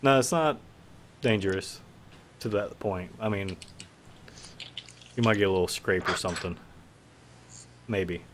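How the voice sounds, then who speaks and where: A man narrating as game master of a streamed tabletop game, relaxed and rambling, with fillers. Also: low-pitched, measured pace, pauses often, background noise. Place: home stream setup.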